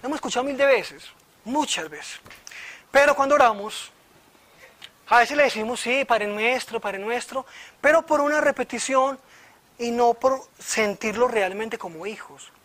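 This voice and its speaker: A man's voice: extremely high pitch, normal speed. A man giving an informal sermon in a meeting room, telling his own faith story and acting out voices. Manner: animated storyteller who acts out voices. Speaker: church teacher leading a retreat session. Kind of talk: informal sermon with personal stories. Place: indoor meeting room with slides.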